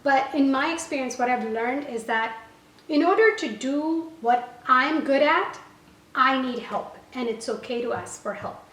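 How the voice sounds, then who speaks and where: Speaking to camera in a measured, high-pitched, fairly bright voice, a woman gives casual advice. She's an online language teacher and business owner whose first language is Gujarati, and she keeps saying "you know" and correcting herself. The recording has roomy echo and she sits a little far from the mic.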